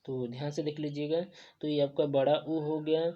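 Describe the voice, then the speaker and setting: On a dull lo-fi recording, a young man with a high-ish, level voice teaches an exam-prep lesson at normal speed, working through a whiteboard. Nearly every phrase is packed with habitual fillers, and he keeps repeating "jo tha" and "jo hota hai."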